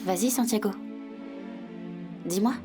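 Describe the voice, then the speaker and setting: An actress dubbing a hot-tempered, scheming young woman in a telenovela, sharp and accusing. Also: medium pitch, measured pace, over music, lightly acted. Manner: sharp, accusing, bursts into shouting. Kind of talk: dubbed telenovela acting.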